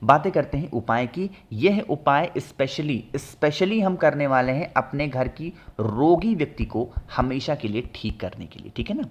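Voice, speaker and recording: Expressive and fairly high-pitched, this astrology remedies presenter talks at a measured pace with few pauses. In a chatty how-to on home ritual remedies that doubles as a product pitch, he speaks straight to viewers, checking in often with "ठीक है ना".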